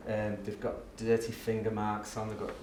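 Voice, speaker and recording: Telling lively, self-deprecating teaching anecdotes to a live audience, this middle-aged man has a lowish voice and speaks at a normal pace. He is a teacher and education speaker who performs the voices in his stories. The sound is echoey and distant, with slight background noise.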